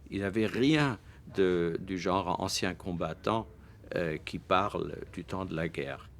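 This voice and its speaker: A man recalling someone he knew in a documentary interview, hesitant and full of pauses. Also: low-pitched, slight background noise. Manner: hesitant, many fillers.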